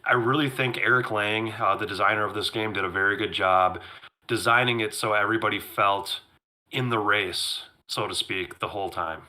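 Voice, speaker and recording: A man with a low voice chats enthusiastically on a podcast, his voice going hoarse as he loses it. His tone is strong and forceful, and he clears his throat and restarts phrases often. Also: steady tone, normal speed. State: losing his voice. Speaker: podcast co-host. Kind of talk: casual chat.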